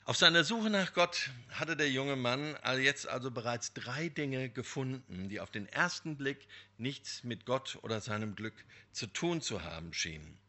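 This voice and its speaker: A man preaching a sermon, telling a parable in a lively, emphatic way. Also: medium pitch, a little slow, few pauses. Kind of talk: sermon with storytelling.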